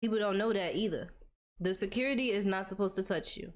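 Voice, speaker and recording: A woman's voice: medium pitch, quick pace. A woman hosting a live stream, casually reacting to court testimony and laughing along. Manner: conversational, laughs while commenting. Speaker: commentary host.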